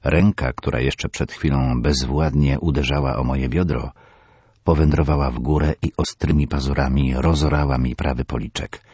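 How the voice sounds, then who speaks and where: A man narrating a horror audiobook in the first person, measured and tense. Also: a bass voice, steady tone, a little mellow, husky, dry recording, clean studio sound.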